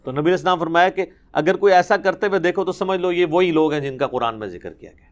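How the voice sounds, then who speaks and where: A man giving a Quran commentary lesson, explaining emphatically and reciting Arabic verses between his explanations. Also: fairly high pitch. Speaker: Quran teacher.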